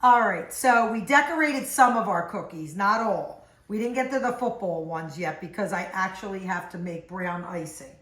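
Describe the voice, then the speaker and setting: A woman's voice: medium pitch, moderate pace, hardly any pauses. Chatty woman cooking in a roomy kitchen. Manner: relaxed, chatty, explains steps as she goes. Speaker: home cook demonstrating recipes. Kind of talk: casual cooking demonstration. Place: home kitchen.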